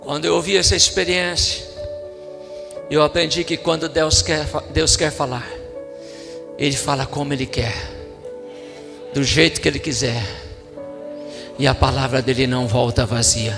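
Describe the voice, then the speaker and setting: A man preaching a sermon in a church with a Brazilian Portuguese accent, impassioned and at times shouting. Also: medium pitch, steady tone, normal speed, creaky, long pauses. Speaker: pastor. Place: church hall. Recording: church hall reverb with soft music.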